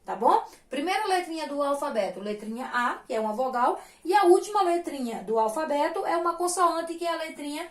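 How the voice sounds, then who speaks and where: A woman teaching young children with a Brazilian Portuguese accent, patient and sing-song, spelling syllables out slowly. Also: high-pitched, animated, reverberant. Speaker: primary school teacher. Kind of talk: recorded lesson for young children.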